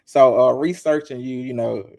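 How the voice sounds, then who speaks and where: A man hosts an interview in an upbeat, casual way and hypes his guest with big introductions. His voice sits mid-range with a gravelly edge, recorded dry and close with no room sound. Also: medium pitch, normal speed, mellow, no room sound. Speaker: interview host.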